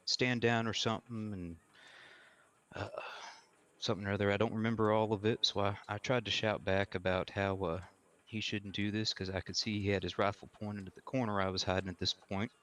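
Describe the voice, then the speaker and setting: Man playing a low-voiced, halting frontier witness. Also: little pitch movement, fairly bright tone, lightly acted. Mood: measured, careful. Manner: halting, deliberate, formally worded. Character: male frontier witness, armed woodsman, measured and formal. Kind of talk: improvised courtroom role-play testimony.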